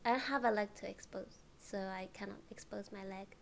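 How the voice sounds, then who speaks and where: A woman streamer chatting casually, giggling often and drifting into soft whispers. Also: medium pitch, fairly quick, vocal fry, slight background noise.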